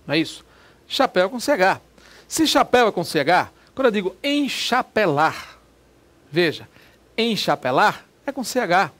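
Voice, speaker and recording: A man teaching a recorded grammar lesson. He is lively and chatty, and he drills words by repeating them. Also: high-pitched, moderate pace. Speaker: Portuguese teacher.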